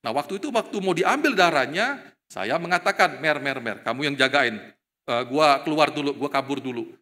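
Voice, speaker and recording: Male evangelist in his 30s, high voice, animated storyteller; church hall with long reverb. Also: moderate pace. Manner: animated storytelling, swings from loud proclaiming to soft asides. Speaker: evangelist preacher. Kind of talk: sermon. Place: church sanctuary.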